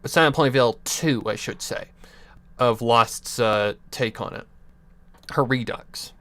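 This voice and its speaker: Here a young man on a livestream offers meandering advice at a measured pace, his mid-range voice a bit bright. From his home computer desk he restarts thoughts, laughs softly and drops casual swears into a USB desk mic.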